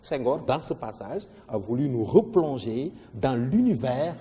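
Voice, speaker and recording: Animated teacher in a reverberant room. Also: male voice, medium pitch, unhurried. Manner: animated, stressing syllables, often restarting words. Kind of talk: explaining a poetry lesson. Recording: long reverb.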